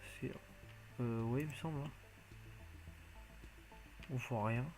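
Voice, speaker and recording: A man's voice: medium pitch, fairly even intonation, takes it slowly, a little mellow, faint music behind, poor audio. A man giving casual, rambling commentary as he plays a video game, hesitant and full of filler sounds. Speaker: video game let's player.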